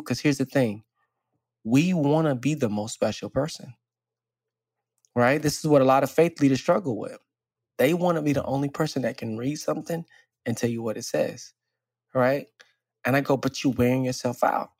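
A man's voice: mid-range voice, no room sound, studio quality. A man co-hosting a podcast, speaking emphatically in a preachy way and often checking in with "right?". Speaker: podcast co-host. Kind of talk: casual chat.

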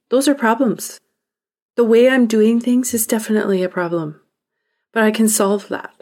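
Slow, deliberate woman podcast host. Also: mid-range voice, a little mellow. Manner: slow, deliberate, emphatic with dips into whispers. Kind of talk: reflective monologue.

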